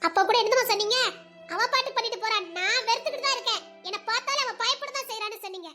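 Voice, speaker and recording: A woman's voice: very high-pitched, racing, pushed and bright, soft background music. A woman playing a hurt young village wife who speaks sharply and bitterly to her husband. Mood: reproachful. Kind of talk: audio drama acting.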